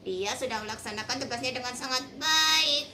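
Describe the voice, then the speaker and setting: Very high, bright-voiced woman co-host. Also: moderate pace, a little hiss or hum. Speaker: co-host of a children's radio program. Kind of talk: children's radio chat.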